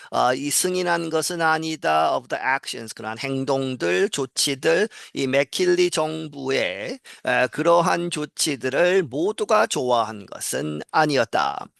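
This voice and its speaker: Slow, gravelly-voiced man teaching. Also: on the high side, fairly bright tone, no echo, clean studio sound. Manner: reads English lines slowly, then explains in Korean with many fillers. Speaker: English teacher. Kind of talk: lecture translating an English news text.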